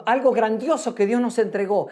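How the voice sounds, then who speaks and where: A woman's voice: fairly high pitch, normal speed, mellow. A woman preaching a sermon, earnest and repetitive, asking rhetorical questions of the congregation.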